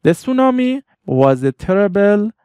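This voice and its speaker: Clear-voiced man teaching vocabulary patiently. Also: sits high, very animated, mellow, no room sound, studio quality. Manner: patient, repeats each word and its meaning slowly. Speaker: English teacher. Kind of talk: vocabulary lesson.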